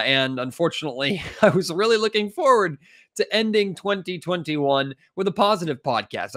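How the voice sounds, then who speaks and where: A man's voice: mid-range voice, fairly bright tone. A man with a stuffy, congested cold, hosting a sports podcast in an emphatic, frustrated way with plenty of fillers. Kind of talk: casual sports podcast commentary.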